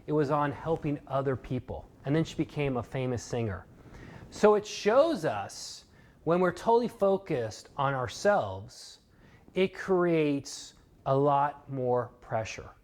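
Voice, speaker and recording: A man's voice: a little high, lively intonation, slow pace, darkish tone. Earnest male motivational speaker. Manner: storytelling, emphatic and earnest. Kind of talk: motivational course lecture.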